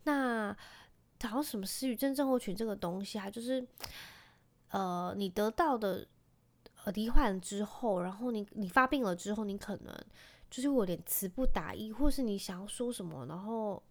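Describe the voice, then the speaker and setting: A woman's voice: medium pitch, animated, normal speed. Chatty Taiwanese woman podcaster. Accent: Taiwanese Mandarin. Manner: chatty, rambling, many fillers. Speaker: podcast host. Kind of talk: casual solo chat.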